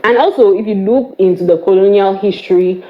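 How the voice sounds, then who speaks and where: Speaking a little fast in a mid-range voice, a young Cameroonian English-accented woman vlogs casually to camera, playful and teasing. The high frequencies are cut off.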